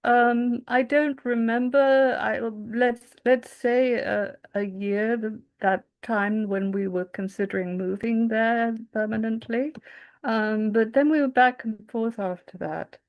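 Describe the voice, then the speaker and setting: A woman from England speaks as an interview guest, reflective and careful. She talks slowly, pausing to find her words, with a gravelly fry in her voice. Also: fairly high pitch, fairly even intonation, highs cut off. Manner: reflective and thoughtful, searching for words. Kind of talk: conversational interview.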